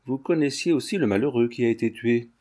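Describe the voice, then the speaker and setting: A man voicing a principled investigating judge who speaks in a formal, measured way, in a storybook reading. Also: mid-range voice, dark tone, lightly acted.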